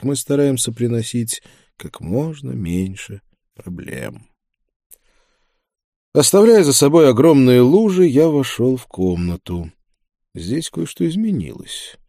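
A man reads a first-person fantasy story in a measured, grim tone. His voice is low and dark, and the recording is dry with no room sound. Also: dry recording. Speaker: audiobook narrator.

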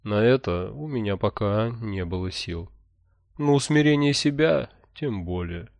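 A man reading a first-person audiobook narration in a measured, wry, even way. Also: on the low side, vocal fry, dry recording.

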